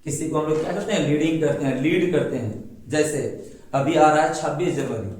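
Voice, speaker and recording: A man's voice: fairly high pitch, brisk, darkish tone, slight background noise. Male teacher in echoey room. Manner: repetitive, asks questions and answers them himself. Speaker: English teacher. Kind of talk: classroom-style lesson at a board. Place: room, recording without a digital board.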